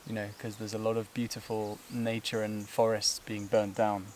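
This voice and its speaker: A man's voice: fairly low pitch, completely flat delivery, moderate pace, a little mellow, a little hiss or hum. Breathless man vlogging on a hiking trail. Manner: rambling, loose, with frequent fillers and laughs. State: out of breath from climbing. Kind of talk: casual talk to camera while hiking. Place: outdoors on a hillside trail. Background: buzzing insects.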